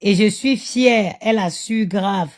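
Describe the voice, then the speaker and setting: A woman's voice: medium pitch, measured pace, a little mellow. A tired woman chatting to her viewers on a phone live stream, talking about motherhood and her online group. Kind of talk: casual live-stream chat.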